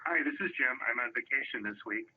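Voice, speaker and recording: A man's voice: medium pitch, fast, slightly rough. A man's recorded greeting and message, played back through a landline phone. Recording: muffled phone playback from far off.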